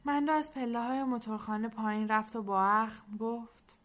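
A woman narrating a storybook, soft and at times nearly whispering. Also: a little high, steady tone. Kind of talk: storybook reading.

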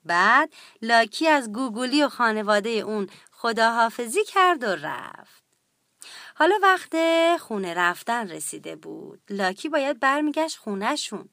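A woman reads a children's story aloud in a gentle, expressive way. Her voice sits high and bright, and the recording is close and dry. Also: no room sound.

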